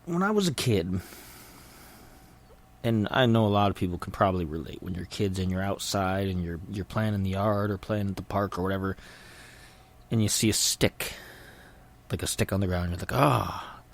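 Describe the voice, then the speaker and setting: A middle-aged man hosting a casual solo podcast, rambling haltingly with his jaw held nearly shut, so his words come muffled through his teeth. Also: deep voice, steady tone. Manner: halting and hesitant, repeating words. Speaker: podcast host.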